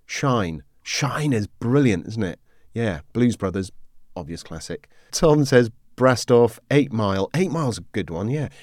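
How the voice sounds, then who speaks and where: A man's voice: lowish voice, lively intonation, measured pace, darkish tone, no room sound, studio quality. A man hosting a podcast, chatting casually and reading out listener messages. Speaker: podcast host. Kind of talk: casual interview chat.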